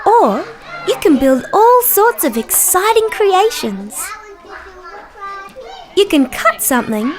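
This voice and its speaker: A woman voicing a cheerful young female dinosaur who gently presents to small children in a slow, sing-song, wonder-filled way. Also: extremely high pitch, exaggerated voice. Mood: cheerful, instructive. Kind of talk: children's show scripted narration.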